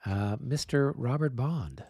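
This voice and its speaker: A man's voice: mid-range voice, expressive, slow, gravelly, mellow, breathy edge, no room sound, clean studio sound. A man hosting a livestream of a tabletop wargame, chatting casually and laughing often. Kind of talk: casual chat.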